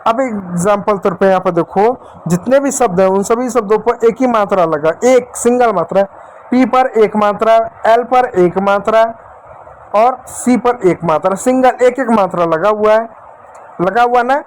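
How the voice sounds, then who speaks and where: A man's voice: high voice, moderate pace, a little hiss or hum. A man teaching a lesson to children, speaking to them directly and checking in often. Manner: addresses children directly, repeats and checks with "ठीक है". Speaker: English teacher. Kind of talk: classroom-style lesson for children.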